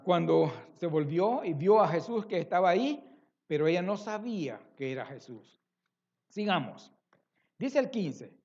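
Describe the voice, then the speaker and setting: A man's voice: on the high side, darkish tone, dull audio. A man preaching a sermon as pastor, speaking expressively with rhetorical questions and repeated phrases. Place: church.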